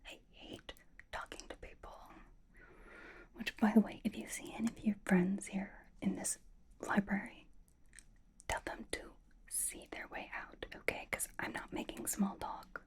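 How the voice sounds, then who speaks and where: A woman's voice: mid-range voice, fairly even intonation, measured pace, husky. Whispering woman, teasing and blunt. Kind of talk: whispered roleplay monologue to the listener. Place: library.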